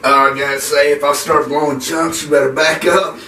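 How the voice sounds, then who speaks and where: A man's voice: fairly high pitch, little pitch movement, fairly quick. A young man chatting casually and slangily, grumbling as he goes through a challenge video. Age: young adult. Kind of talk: casual chat. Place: small bare indoor room. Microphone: camera several feet away. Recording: echoey, noisy room, distant mic.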